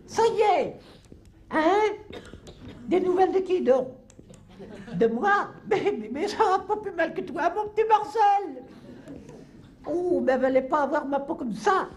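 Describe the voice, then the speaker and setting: A man's voice: a little mellow, exaggerated voice. An actor playing a cantankerous, chatty old countrywoman, rambling and scolding in a live comedy sketch. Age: over 70. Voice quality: shrill, quavering, cackling. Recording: live stage with audience laughter and noise.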